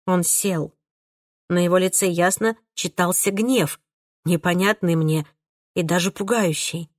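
Expressive woman reading a first-person novel. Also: on the low side, a little slow, dry recording, studio quality. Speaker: audiobook narrator. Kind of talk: first-person audiobook narration.

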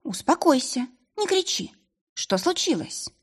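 A woman voicing a calm young witch who speaks in an even, gently firm manner. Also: sits high, measured pace, voice pushed up. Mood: calm soothing. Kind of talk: audiobook character voice.

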